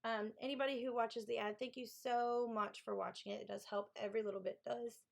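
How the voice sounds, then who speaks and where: Streaming her writing sprints, a Southern-accented author from Kentucky chats with viewers about her books, reads their messages aloud, and thanks them. Her voice is fairly high and gravelly, her tone steady, and she talks a little fast.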